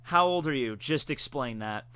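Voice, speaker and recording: A man's voice: medium pitch, expressive, normal speed, bright, forceful tone, clear, resonant tone, no room sound. A man in his twenties chatting casually on a birthday live stream, reading out viewer questions and answering with frequent laughs. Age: 20s.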